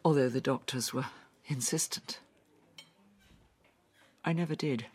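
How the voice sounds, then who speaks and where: An actress voicing a traumatized woman recounting a brutal attack, halting and often dropping into whispers, in an audio drama. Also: rumbling low, darkish tone, husky, heavily acted. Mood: distressed.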